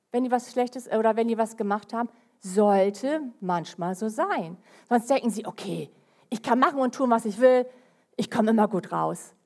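A middle-aged woman preaches a sermon with a fairly high voice. She speaks emphatically, her voice rising for key points and dropping low and soft for others. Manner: lively, emphatic preaching with sudden rises and drops in loudness.

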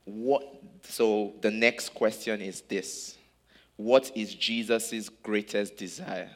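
Guy from nigeria giving a sermon in english, low voice, slow, short bits with pauses for the translator. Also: steady tone. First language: not German. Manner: speaks in short phrases, pausing for the interpreter. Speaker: preacher. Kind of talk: sermon in English with live interpretation.

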